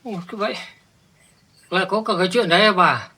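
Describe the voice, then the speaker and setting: A man's voice: high voice, quick pace, pushed and bright, slightly rough, full character voice. A man playing an older village man thrown out by his jealous wife, who stumbles and repeats words when upset. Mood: agitated. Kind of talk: village family drama acting.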